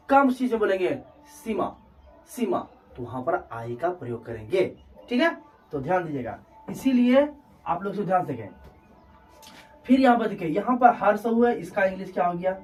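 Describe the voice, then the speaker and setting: A man's voice: high voice, far from the mic. A man teaching a classroom lesson on Hindi vowels, repeating each sound and checking in with his students. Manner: repetitive, checks in with students, drawn-out words.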